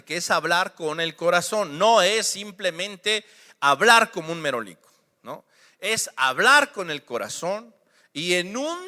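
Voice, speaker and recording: Slow, bright-voiced Mexican pastor preaching. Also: male voice, high voice, big-room sound. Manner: emphatic, preaching in rhetorical questions. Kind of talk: sermon.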